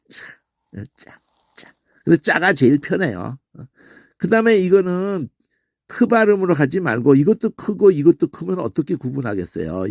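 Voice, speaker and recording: A middle-aged man giving an informal pronunciation lesson, demonstrating sounds aloud and checking in with quick questioning grunts. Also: on the high side, gravelly, dry recording, clean studio sound. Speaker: Bible language teacher.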